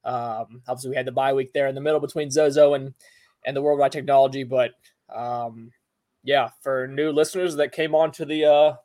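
A man hosting a sports betting podcast in casual chat, rambling and halting, with lots of you-knows. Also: medium pitch, fairly even intonation, darkish tone. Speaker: golf betting podcast host.

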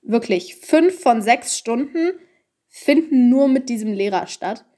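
A teenage girl from Germany chatting casually and telling an animated story, acting out voices as she goes. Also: fairly high pitch, a little slow. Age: teens. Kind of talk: casual chat.

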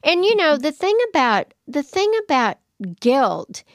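A woman's voice: high voice, sing-song, unhurried, no echo. A woman co-hosting a self-care podcast, reading topics aloud and chatting in a rambling way with asides. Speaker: podcast co-host. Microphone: studio microphone.

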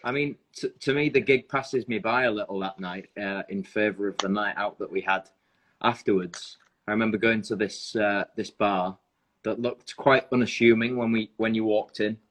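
A man's voice: on the low side, steady tone, moderate pace, fairly bright tone, low-quality recording. A man from a band talking through old gigs in a casual chat, steadily leading the story. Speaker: band member and co-host.

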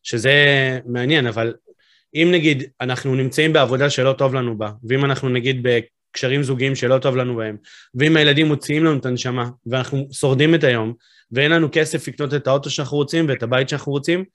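A man's voice: mid-range voice, steady tone, a bit bright. A man hosting an interview, asking curious, musing questions with frequent fillers. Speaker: podcast host.

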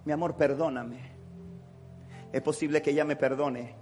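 A male pastor preaches with fervor, his fairly high voice rising to shouts and dropping to close, earnest words. The sound rings with the long reverb of a church hall, and soft music plays under him. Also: steady tone, moderate pace. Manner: impassioned preaching, swings from shouting to quiet confiding. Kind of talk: sermon.

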